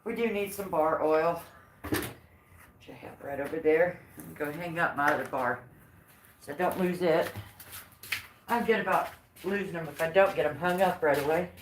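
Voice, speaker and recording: A woodcarving vlogger chats casually with her viewers as she works in her workshop, breathing hard from the effort. Her voice is low-pitched, she talks at a normal speed and pauses often. The recording is noisy, with roomy workshop acoustics and a distant mic.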